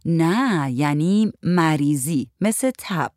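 A woman reading a story aloud, voicing a sarcastic, blunt young woman who talks in sharp, mocking retorts. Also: deep voice, animated, no echo, studio quality.

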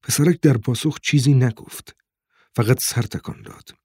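A man narrates a novel in a steady, measured reading voice. His tone is husky and mid-pitched. The recording is dry and close, with no room sound. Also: no room sound. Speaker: audiobook narrator. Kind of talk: scripted narration.

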